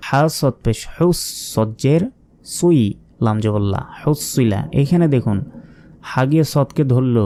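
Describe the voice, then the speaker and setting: A man's voice: medium pitch, lively intonation, measured pace, long pauses, warm tone. Patient male Quran teacher spelling syllables. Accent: Bangladeshi Bengali. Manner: patient, spells syllables aloud and asks himself questions. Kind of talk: slow spelling-out lesson.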